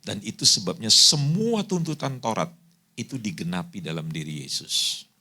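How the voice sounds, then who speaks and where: A male pastor preaching a sermon, telling lively stories and acting out the people in them. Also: fairly low pitch, normal speed. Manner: animated storytelling preacher, acts out quoted voices. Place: church hall.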